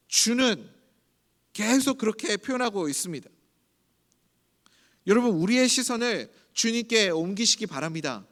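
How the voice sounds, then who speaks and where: A male pastor preaching with a fervent sermon style, his voice sitting high for a man. He shifts between gentle storytelling and loud calls to prayer. The sound carries a long reverb from a large church hall.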